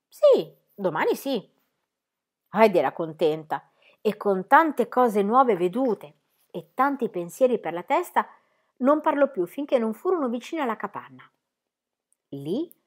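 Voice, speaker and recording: A woman reads a classic children's story aloud with an expressive narrating voice. Her pitch rises and falls in a lively way throughout. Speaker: reader.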